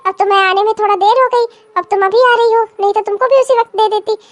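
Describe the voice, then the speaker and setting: A woman's voice: very high-pitched, steady tone, quick pace. A woman voicing a scheming older mother-in-law in a cartoon comedy, bossy and scolding toward her daughters-in-law and doting toward her own daughters. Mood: fussing.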